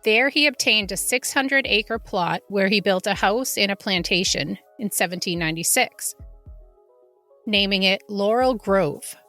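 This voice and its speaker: Woman podcaster telling spooky history casually, bright clear-cut voice, faint music under it. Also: medium pitch, unhurried. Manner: casual, informal asides. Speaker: podcast host. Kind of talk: semi-scripted true haunting storytelling, conversational.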